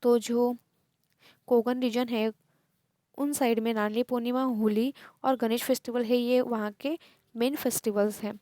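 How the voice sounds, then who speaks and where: An Indian woman teacher going through a textbook chapter, slowly reading English lines and explaining them in Hindi. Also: on the high side, steady tone, mellow, dry recording, studio quality.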